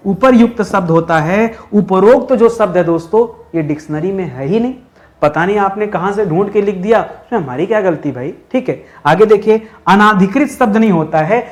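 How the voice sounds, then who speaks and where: A man teaching a Hindi exam-prep lesson in a brisk, chatty way, drilling with repeated questions and answers and teasing his students. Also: high voice.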